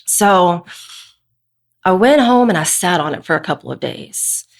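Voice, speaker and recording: Earnest woman with a gravelly voice. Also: fairly low pitch, animated, unhurried. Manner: candid, earnest storytelling. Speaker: guest. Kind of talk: interview about faith and marriage. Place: podcast studio.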